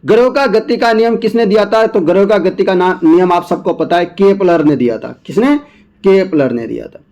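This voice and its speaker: High-voiced man running an exam prep lesson. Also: moderate pace, a little mellow, dull audio. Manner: chatty, repeats answers, coaxing asides to viewers. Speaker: exam coaching teacher. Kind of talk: exam question walkthrough lesson.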